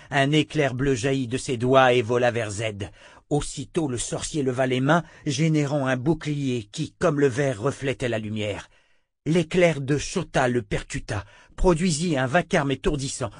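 A man giving a measured, dramatic reading of a fantasy novel as an audiobook narrator. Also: mid-range voice, dry recording, clean studio sound.

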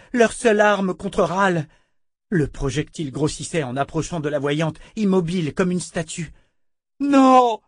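Male audiobook narrator, measured dramatic fantasy read, dry studio sound. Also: a little high, dry recording.

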